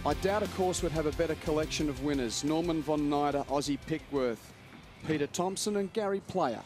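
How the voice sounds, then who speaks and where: A man's voice: on the high side, fairly quick, a little mellow, faint music behind. A man working as a golf commentator, delivering tournament commentary and score updates.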